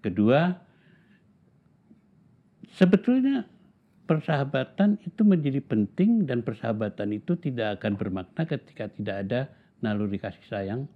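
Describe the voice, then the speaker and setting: An older man in his seventies recalls his life in an interview, speaking with a slightly husky, breathy voice. He talks at an unhurried pace, pausing and repeating words to stress a point. The sound is thin and tinny, as if heard through a phone. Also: mid-range voice, lively intonation. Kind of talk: reflective storytelling in conversation.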